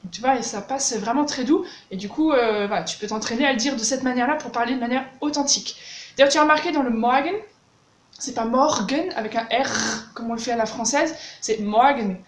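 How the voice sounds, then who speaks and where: Woman, high voice, casual german lesson, roomy echo, says the words big. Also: brisk. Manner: chatty, demonstrates German words with exaggerated pronunciation. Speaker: German language teacher. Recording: echoey room with faint hiss.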